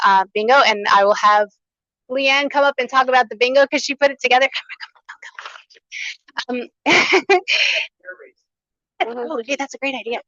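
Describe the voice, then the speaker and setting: Without any microphone, a conference coordinator projects her fairly high voice loudly to welcome people to a small conference and run through housekeeping notes, sounding upbeat and enthusiastic. The room recording has no room sound, and its highs are cut off.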